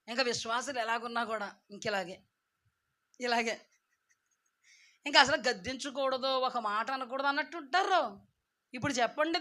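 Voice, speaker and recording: A woman preaching a sermon, firing rhetorical questions and swinging from soft asides to loud, drawn-out declaiming. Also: high-pitched.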